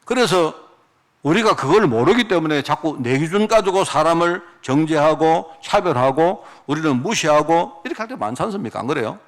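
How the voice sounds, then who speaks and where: A man's voice: a little high, moderate pace. A middle-aged man from Daegu with a Gyeongsang accent, preaching a sermon with emphatic rhetorical questions. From Daegu, South Korea. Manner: animated, emphatic, asks the congregation rhetorical questions. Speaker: pastor.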